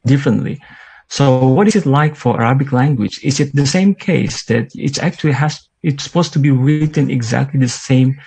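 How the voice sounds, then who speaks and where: Male panelist; husky, gravelly voice; careful, repetitive questioning. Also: mid-range voice, darkish tone, low-quality recording. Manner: deliberate, restates his point. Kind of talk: asking a question in a discussion.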